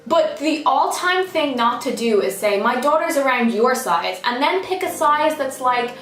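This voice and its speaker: A young woman vlogger from Ireland, whose Irish accent sounds partly American, tells sarcastic work stories in a casual, chatty monologue and swears freely. Her high, fairly bright voice is expressive at a moderate pace. The recording sounds roomy and slightly distant, with a music bed underneath.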